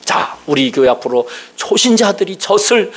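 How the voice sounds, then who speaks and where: A male pastor preaches a sermon, firing questions at the congregation and dropping to hushed whispers for emphasis. His high voice is husky and very animated, delivered at normal speed.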